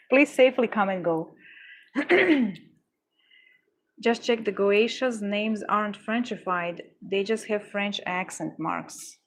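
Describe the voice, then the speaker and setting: Young woman streamer, excitable and effusive, mid-pitched voice, trips over her words while reading chat. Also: takes it slowly, long pauses. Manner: gushing, exclamatory, with frequent stumbles and restarts. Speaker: livestreamer. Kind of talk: casual chat with live viewers.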